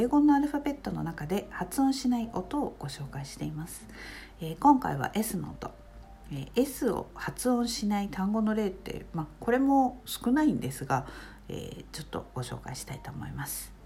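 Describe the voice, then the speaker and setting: A woman who teaches English, giving a spoken pronunciation lesson with many filler pauses. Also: mid-range voice, big pitch swings, creaky, mellow.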